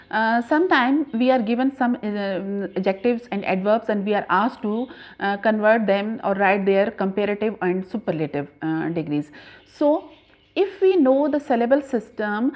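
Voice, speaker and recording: A woman teaching a grammar lesson patiently, spelling words out letter by letter with frequent pauses. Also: on the high side, a little mellow. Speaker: English teacher.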